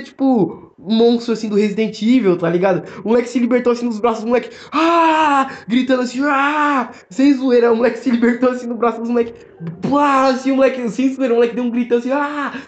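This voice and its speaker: A young man with a Brazilian accent, telling stories in fast, slangy casual podcast chat full of fillers. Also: extremely high pitch, darkish tone. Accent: Brazilian Portuguese. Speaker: podcast co-host. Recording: roomy, dull lo-fi sound.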